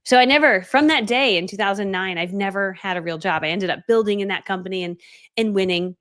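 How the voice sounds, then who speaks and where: A woman in her forties from Connecticut, a business coach telling her story on a casual live stream, chatty and animated. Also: mid-range voice, brisk. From Connecticut, USA. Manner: chatty, animated, quoting herself, many "like" fillers.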